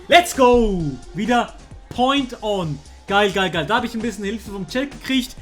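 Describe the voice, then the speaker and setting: A young man, talking casually to his chat while playing a guessing game, excitable and slangy. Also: sits high, a little slow. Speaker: streamer. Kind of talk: casual gameplay commentary. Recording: faint music underneath.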